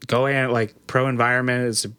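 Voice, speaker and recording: A man's voice: medium pitch, level tone, normal speed, sharp tone, clean tone, no echo. A man co-hosting a podcast, chatting casually and rambling with many fillers and restarts. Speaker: podcast co-host. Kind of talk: casual chat.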